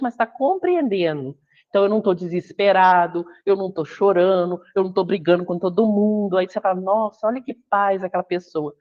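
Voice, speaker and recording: A woman's voice: mid-range voice, dull audio. A woman with a Brazilian Portuguese accent giving a conversational spiritist talk, acting out the voices she quotes. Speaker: spiritist lecturer.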